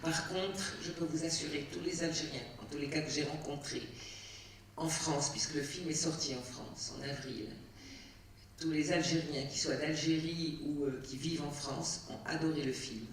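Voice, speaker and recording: A woman film director whose first language is Arabic chats casually with an audience after a screening in a cinema auditorium, telling stories full of fillers and restarts. Her deep voice is moderately paced with fairly even intonation. The mic is distant in the echoey hall, with a little hiss or hum.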